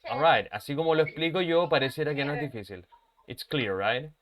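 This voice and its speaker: A man who speaks natively, teaching a live online English lesson, explaining in mixed with English and slowly repeating example words. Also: on the high side, expressive, a crowd in the background. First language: Spanish.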